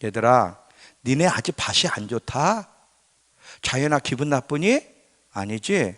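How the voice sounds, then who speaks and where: A man's voice: medium pitch, big pitch swings, measured pace, a bit bright. A male pastor preaching a sermon in a conversational way, often putting questions to his congregation. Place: church sanctuary. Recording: church hall with long reverb.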